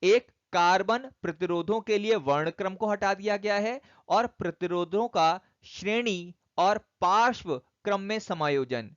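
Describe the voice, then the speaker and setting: A man's voice: high-pitched, clear, resonant tone, no echo, highs cut off. A man teaching physics online, walking students through syllabus topics and calling them children.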